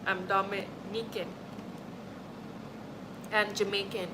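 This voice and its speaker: There's background noise as a young Montreal woman chats casually with her livestream viewers in the live chat. Her medium-pitched voice stays level and slow, and her friendly, meandering talk is full of "like" and "honestly." She's from Montreal, Canada.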